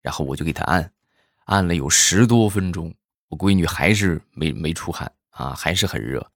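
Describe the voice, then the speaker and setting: Comedian, male, low voice, dry close mic, lively storyteller. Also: normal speed, no echo. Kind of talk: stand-up joke telling.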